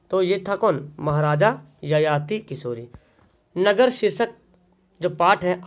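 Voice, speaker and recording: A man's voice: fairly high pitch, muffled recording. A man, tutoring students through exam questions, repeating each question and then answering it himself.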